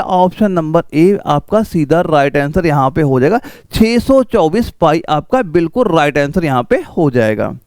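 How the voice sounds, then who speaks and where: A man's voice: high voice, darkish tone, clean tone, dry recording. A man teaching an exam-prep math lesson, walking students through each step with repeated rhetorical questions.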